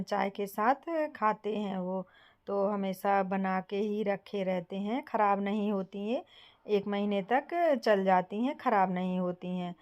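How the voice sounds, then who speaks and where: A young woman from Bundelkhand hosting her home cooking channel, calmly explaining each step to viewers. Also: medium pitch, muffled recording. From Bundelkhand, India. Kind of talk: casual cooking tutorial.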